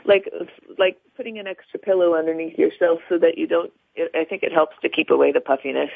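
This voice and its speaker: American woman guest giving tips, casual, bit of vocal fry, dry tinny phone line. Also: deep voice, brisk, no room sound. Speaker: guest, makeup stylist. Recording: thin phone-line radio sound.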